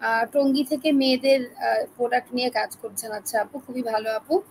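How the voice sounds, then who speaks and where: A woman with a high voice leads a live online class from her computer mic, speaking gently because of a sore throat. Her tone is chatty and friendly as she greets each participant, and a faint hiss of background noise sits under her voice. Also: steady tone, a little fast, vocal fry, low-quality recording. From Bangladesh. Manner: chatty, friendly, addresses listeners as apu.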